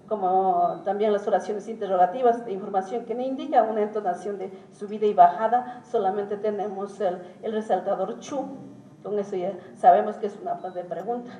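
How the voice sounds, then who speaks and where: A woman giving an academic lecture as a teacher, talking haltingly with many pauses and hesitations. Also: mid-range voice, mellow. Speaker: symposium speaker and Quichua teacher. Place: conference hall. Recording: roomy hall, distant mic, faint noise.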